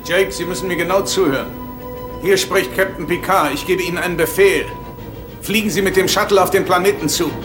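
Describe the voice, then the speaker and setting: A man's voice: high-pitched, steady tone, a little fast, over loud music, natural voice. An actor playing an authoritative, composed male starship captain giving orders in a dubbed science fiction drama. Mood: urgent, commanding. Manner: commanding, crisp orders.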